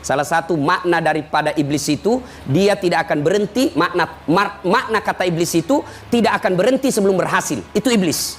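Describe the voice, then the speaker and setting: High-voiced preacher. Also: male voice, a little fast, hardly any pauses, a little hiss or hum. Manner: lively storytelling, teasing the audience. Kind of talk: sermon.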